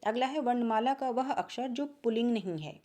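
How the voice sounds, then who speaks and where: Higher-voiced woman teaching grammar. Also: a little fast. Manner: asks each question, then answers it lower and softer; repeats key points, checks in with "ठीक है?". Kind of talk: exam-prep lesson.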